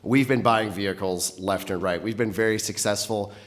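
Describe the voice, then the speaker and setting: A man's voice: on the low side, normal speed. A man presenting a year-end update to a county board, slightly out of breath from a cold, earnest and upbeat with frequent fillers. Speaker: county transit executive director presenting. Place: public meeting room.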